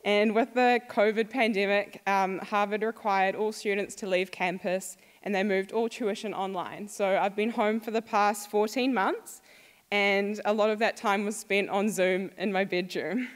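A woman's voice: medium pitch, steady tone, a little slow. A young woman with a New Zealand accent giving a friendly, upbeat prepared talk to a school audience. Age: young adult. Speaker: alumna speaker. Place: school hall. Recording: long hall reverb.

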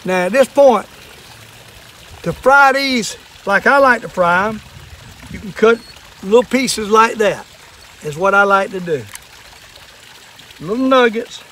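Older southern guy, high voice, folksy old fisherman explaining stuff outside, some noise behind him. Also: animated, takes it slowly, long pauses, sharp tone. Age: older, 60s or above. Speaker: fishing and fish-cleaning demonstrator. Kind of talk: casual hands-on how-to demonstration. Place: outdoors in a wooded yard at a table.

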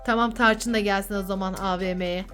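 A woman's voice: medium pitch, fairly even intonation, a little fast, fairly bright tone, soft background music. A woman hosting a children's vlog as a mother, chatting playfully and coaxing with sing-song questions. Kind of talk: playful casual chat with a child and viewers.

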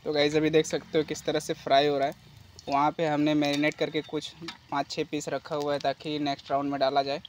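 Young male camping vlogger talking in the open forest: a bit high and even, with faint hiss behind. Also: brisk. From India. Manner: chatty, addresses viewers as guys. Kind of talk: casual vlog narration. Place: outdoors in a forest.

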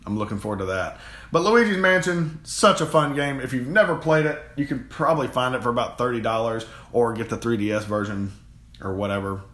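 A man's voice: medium pitch, brisk, fairly bright tone. Rambling man in an echoey room. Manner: rambling, enthusiastic, repeats words. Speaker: co-host of a gaming channel. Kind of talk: casual chat. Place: home room, games on the shelf behind.

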